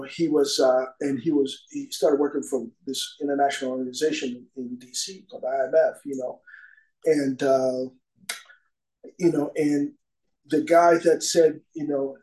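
A middle-aged man with a somewhat high voice speaks at length as a guest at a recovery meeting. He rambles and keeps dropping "you know" between his thoughts. The recording sounds roomy, with a clear echo around him. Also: darkish tone. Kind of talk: personal recovery talk.

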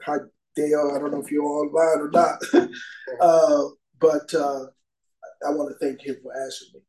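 A man's voice: on the high side, flat delivery, moderate pace, dark tone. Rambling middle-aged man in an echoey room. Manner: rambling, full of "you know" asides. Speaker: guest speaker at a recovery meeting. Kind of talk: personal recovery talk.

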